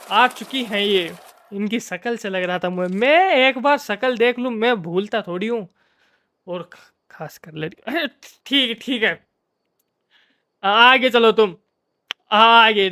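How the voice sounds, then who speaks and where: A man's voice: high voice, sharp tone, smooth. A man giving casual, jokey commentary while playing a game, playfully scolding the characters on screen. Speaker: gamer.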